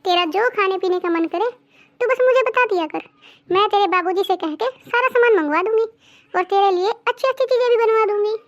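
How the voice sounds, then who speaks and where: Cartoon mother-in-law, domineering and loud, a woman voices her; very high pitch. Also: fairly quick, muffled recording. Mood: scolding. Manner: scolding, loud and commanding. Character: bossy middle-aged Indian mother-in-law, favors her daughter. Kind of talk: cartoon voice acting.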